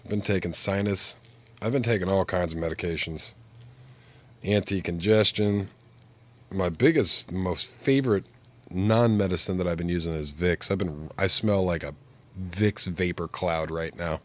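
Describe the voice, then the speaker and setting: A man's voice: low voice, normal speed. A man sick with flu, congested and nasal as if his nose were pinched, chatting casually and rambling on a gaming livestream. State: sick with flu, stuffed-up sinuses. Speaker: game streamer.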